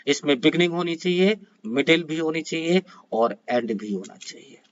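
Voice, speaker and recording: A man's voice: on the high side, expressive, normal speed. A man teaching an exam-prep lecture, switching between Hindi and English, with many hesitations and self-corrections. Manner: mixes Hindi and English, frequent hesitations and restarts. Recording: dull lo-fi sound.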